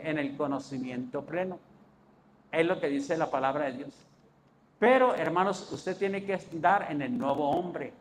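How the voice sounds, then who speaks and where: A man preaching a sermon as pastor asks rhetorical questions and then answers them himself, swinging between loud emphasis and quiet, low endings. The recording carries a little hiss or hum.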